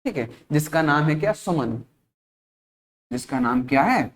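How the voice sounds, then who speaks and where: Man, from India, teacher, spoken-English lesson, slow word drills, asks and answers own questions, frequent check-ins. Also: on the high side, lively intonation. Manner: repeats words slowly, asks and answers his own questions; frequent checking-in tag phrases.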